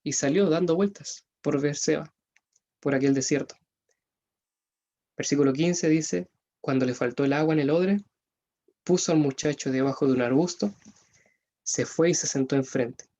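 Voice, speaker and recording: A man with a Chilean accent preaching a sermon, earnest, rising in pitch and force when he appeals to parents. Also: warm tone, dull audio.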